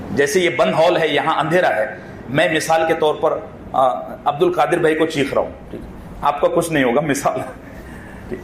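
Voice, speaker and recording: High-voiced man preaching in an echoey hall. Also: a little hiss or hum. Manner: vivid storytelling, acting out scenes, addressing the audience directly. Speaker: Islamic preacher. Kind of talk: sermon storytelling to a gathering. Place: closed hall with audience. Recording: echoey hall with faint ambience.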